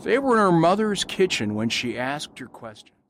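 Man playing Father Brown, courteous priest, very lively intonation. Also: normal speed. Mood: gentle. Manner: courteous, formal. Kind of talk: amateur radio play acting. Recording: faint background rumble.

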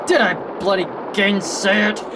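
An actor playing a brutal, hot-tempered pirate captain in a period radio drama, barking threats and orders. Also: male voice, high-pitched, unhurried, background noise. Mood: enraged.

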